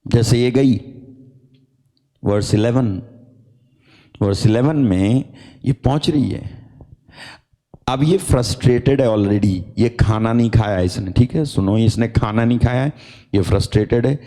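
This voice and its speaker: A male pastor delivers a sermon at an unhurried pace, stacking phrase on phrase for emphasis. His voice is warm and dark, never sharp. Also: mid-range voice, in a large hall. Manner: emphatic, repetitive preaching.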